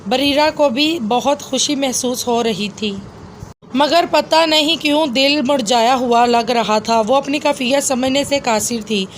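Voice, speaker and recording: A woman storyteller narrating a scripted story in a steady, dramatic way. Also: sits high, unhurried, slight background noise.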